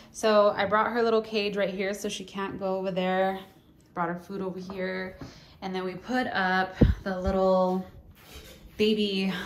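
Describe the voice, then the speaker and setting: A woman's voice: mid-range voice, slight background noise. A young woman chatting casually in a home vlog, bubbly and a little tired, laughing often. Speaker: vlogger. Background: music.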